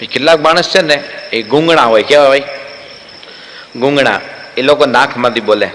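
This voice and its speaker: A man's voice: medium pitch, normal speed, a bit bright. A man, a monk, giving a humorous sermon, telling jokes and acting out characters in a large hall. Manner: jokey storytelling, acts out characters. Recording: echoey hall, faint background noise.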